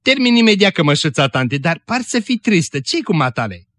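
A man's voice: a little high, very animated, a bit bright. A man reading aloud and voicing an earnest, tender young village woman in a raised, pleading voice. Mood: concerned.

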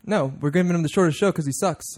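Fast, blunt sarcastic male co-host. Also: a little high, a little mellow. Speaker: podcast co-host. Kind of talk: casual podcast banter.

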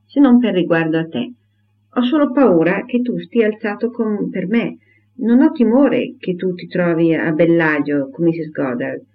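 A man voicing a gentle young woman who reassures her anxious father. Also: high-pitched. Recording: tinny phone-like audio.

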